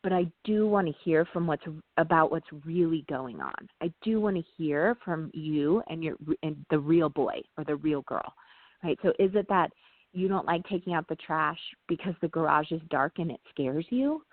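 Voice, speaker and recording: A woman guest speaking as a parenting trainer, explaining casually, often pausing on "um" and checking in with "right?". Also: low-pitched, no room sound. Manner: talks through ideas with frequent "um" and tag "right?". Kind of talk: casual explanatory interview talk. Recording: tinny phone-like line, dry.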